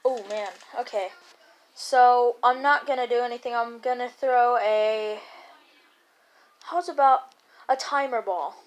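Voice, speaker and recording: A woman giving casual gameplay commentary as a YouTuber, rambling and chatty with excited bursts. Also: fairly high pitch, a little slow, pauses often. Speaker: gaming YouTuber.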